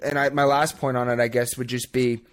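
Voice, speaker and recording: A man's voice: medium pitch, flat delivery, fairly quick. A man co-hosting a casual podcast, thoughtful and hedging, with self-deprecating humor. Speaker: podcast co-host.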